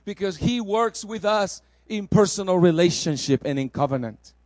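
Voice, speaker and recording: A man from El Salvador preaching a sermon, rising to loud exclamations and dropping soft for personal testimony. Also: high voice, expressive, moderate pace, no echo.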